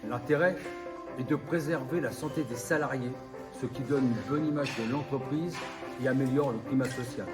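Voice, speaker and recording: A young man reads a student project pitch with earnest, formal care. His pitch sits at an ordinary middle level, and clear music plays behind him throughout. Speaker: student presenter.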